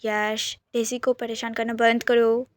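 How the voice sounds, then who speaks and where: A calm, good-natured brother-in-law who tells others off mildly, as a woman narrator puts him on. High dry voice, read close. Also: a little slow, no room sound, natural voice.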